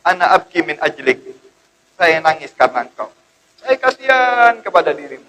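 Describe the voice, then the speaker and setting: A man's voice: on the high side, big pitch swings, normal speed, sharp tone, rough recording. A man voicing a scheming devil who fakes weeping and pleads and swears insistent oaths. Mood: pleading tearful.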